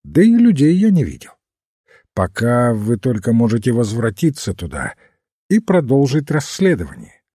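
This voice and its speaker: A man voicing a calm, thoughtful middle-aged priest detective who reasons quietly in an audiobook. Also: medium pitch, normal speed, husky, dry recording, studio quality. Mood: musing. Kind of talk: audiobook character reading.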